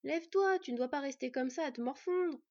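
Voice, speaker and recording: A woman's voice: high-pitched, a little fast, gravelly, darkish tone, voice pushed up. Woman voicing a brash young half-elf, hot-headed. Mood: pleading. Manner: raised, indignant outbursts. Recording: dull lo-fi, dry.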